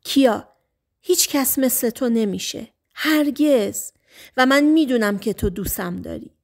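A woman's voice: on the high side, gravelly. A woman voicing a menacing, pushy young man. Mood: pleading. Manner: coaxing, then threatening.

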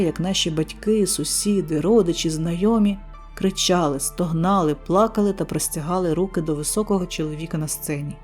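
A man reading a scary story in a tense, measured first-person telling. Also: a little high, darkish tone. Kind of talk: scripted horror narration.

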